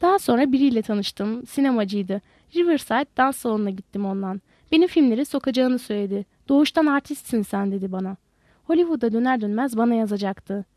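A woman's voice: fairly high pitch, lively intonation, fast talker, darkish tone, no echo, close to an everyday voice. Woman playing a vain, chatty young wife.

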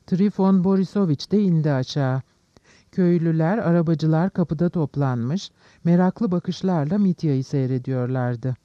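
A man narrating an audiobook in a steady, measured reading. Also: a little high, no echo. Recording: dull, dry studio sound.

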